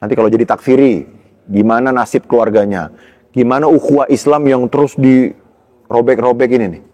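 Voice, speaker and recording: A man recounting his life story in casual talk, animated and rising high when tense. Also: normal speed, long reverb tail. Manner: animated storytelling, pitch jumps high in tense moments, laughs between lines. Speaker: guest telling his story. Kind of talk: personal testimony in casual talk.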